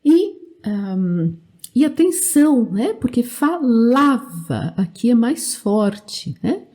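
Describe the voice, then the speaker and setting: A woman with a Brazilian Portuguese accent teaching a language lesson, speaking clearly and drilling verb forms for learners to repeat. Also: fairly high pitch, sing-song, takes it slowly, mellow.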